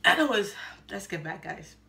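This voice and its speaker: A woman's voice: on the low side, animated, moderate pace, gravelly. A middle-aged woman hosting a music reaction video, chatting enthusiastically to viewers from a small room. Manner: enthusiastic, repeats words, addresses viewers as guys. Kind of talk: casual reaction commentary. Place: indoors, small room, seated in gaming chair.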